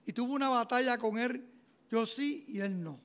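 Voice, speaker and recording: High-voiced deacon preaching. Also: male voice, normal speed. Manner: animated storytelling, acting out dialogue. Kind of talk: sermon with personal testimony.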